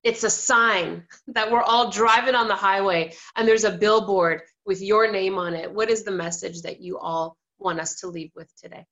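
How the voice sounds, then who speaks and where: A woman's voice: medium pitch, steady tone, normal speed, hardly any pauses, fairly bright tone. A woman hosting an online interview, praising her guest effusively. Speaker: host. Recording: dull lo-fi sound.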